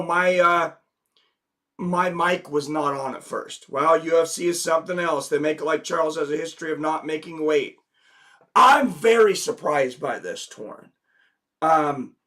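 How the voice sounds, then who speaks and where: A man with a fairly high-pitched, fairly bright voice and a slight head cold hosts a casual live stream. He greets viewers in the chat and reads a news article aloud into a desk microphone.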